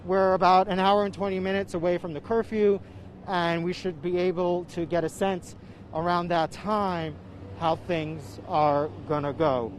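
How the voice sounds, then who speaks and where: A man reporting live from the street, conversationally and haltingly answering viewer questions, slightly muffled by a face mask and breathing heavily. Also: high voice, steady tone. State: breathing heavily in warm, humid air. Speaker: field news reporter. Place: outdoors on a city street during a march. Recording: outdoor street noise with traffic.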